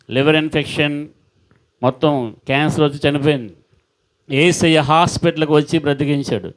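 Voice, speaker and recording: A male pastor preaching a sermon emphatically, repeating phrases and asking the congregation rhetorical questions. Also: a little high.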